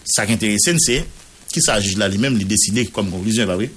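A man's voice: lowish voice, brisk, fairly bright tone, a little hiss or hum. Radio journalist, man, Haitian accent, reads court documents and names, French with Creole mixed in. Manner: mixes Creole into French, reads long name lists. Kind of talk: news commentary, reading a court order.

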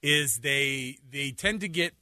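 Bright-voiced joking radio co-host. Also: male voice, mid-range voice, slow pace, no echo. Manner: joking, rambling, restarts often. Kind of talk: casual radio banter.

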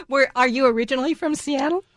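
A woman's voice: high-pitched, lively intonation, moderate pace, dry recording, studio quality. An American woman hosting a casual radio chat in a chatty, enthusiastic way. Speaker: radio host.

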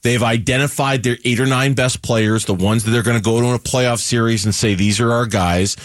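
A man's voice: mid-range voice, steady tone, a little fast, dry recording, studio quality. A man co-hosting sports talk radio, emphatic and repetitive, restarting his sentences often. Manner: emphatic, repeats himself, many restarts.

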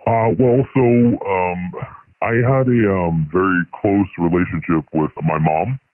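A man calling in anonymously through a voice changer, speaking hesitantly with many pauses and ums. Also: low voice, no room sound. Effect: voice changer disguising his voice. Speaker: anonymous caller. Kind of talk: confessional phone-in chat. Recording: tinny phone line.

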